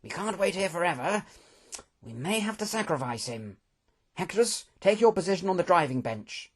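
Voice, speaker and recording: A man's voice: high voice, sing-song, moderate pace. A man voicing a commanding male general who barks urgent orders.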